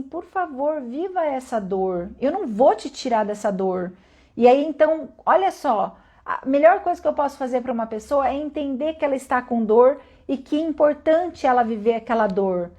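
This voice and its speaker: A woman giving a calm, reflective spoken lesson at an unhurried pace, often pausing to ask her listeners questions. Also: sits high. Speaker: teacher.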